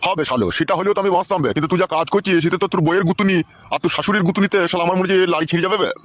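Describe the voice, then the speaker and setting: A man's voice: high-pitched, dull audio. A man playing a foul-mouthed, angry middle-aged father in a comic skit, cursing nonstop. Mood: furious. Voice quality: shouting, rapid-fire cursing.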